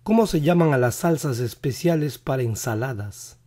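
With an expressive, mellow mid-range voice that still sounds not quite recovered, a male teacher runs a vocabulary quiz. He repeats every English word slowly and with care.

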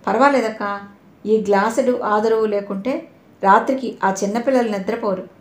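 A woman voicing a bold, caring young woman who looks after the children, speaking gently and reassuringly. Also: medium pitch, normal speed, close to an everyday voice. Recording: roomy echo.

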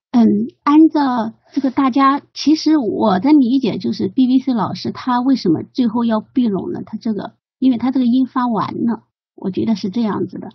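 A woman explaining English vowel sounds in recorded study notes, hesitant, with many fillers, repeating drill words slowly. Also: medium pitch, creaky, slightly rough, no room sound, highs cut off. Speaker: English pronunciation learner.

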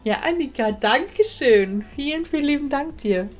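A woman's voice: sits high, animated, normal speed, a little mellow, faint music behind. A woman casually commenting while she streams a life-sim game, thanking viewers and talking to her characters, a little sniffly with a cold.

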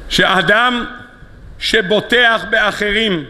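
A man's voice: high-pitched, pushed and bright. A man giving a sermon as a rabbi, telling stories with animation and acting out the dialogue. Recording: long hall reverb.

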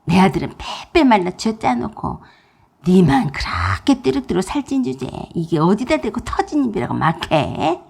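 A woman's voice: mid-range voice, sing-song, moderate pace, vocal fry, a little mellow, breathy edge, full character voice. A woman voicing a bossy, scornful older mother-in-law who nags and belittles, in a radio-drama story reading. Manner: nagging, contemptuous, blunt.

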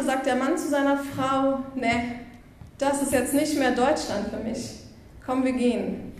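High-voiced young woman giving a stage talk. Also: echoey room, slight background noise. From Berlin, Germany. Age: 20s. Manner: earnest storytelling, acting out quoted remarks. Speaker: conference speaker. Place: bright conference room with windows. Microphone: headset mic.

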